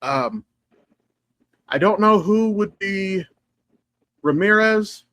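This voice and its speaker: A man co-hosting a casual podcast, talking in an animated, profane way that jumps up in pitch when he gets excited. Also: slow pace, no room sound. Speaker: podcast co-host.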